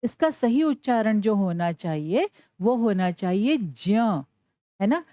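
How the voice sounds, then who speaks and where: Lively woman teaching Sanskrit letters. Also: mid-range voice, dry recording. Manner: asks questions and answers them herself; spells out letters slowly. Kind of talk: classroom lesson.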